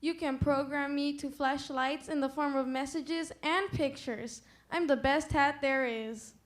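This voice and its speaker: A proud little sensor gadget that loves to list its tricks, played by a young woman in a student skit. The voice sits high and eager. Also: fairly even intonation, unhurried. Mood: competitive. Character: proud chirpy female sensor hat gadget.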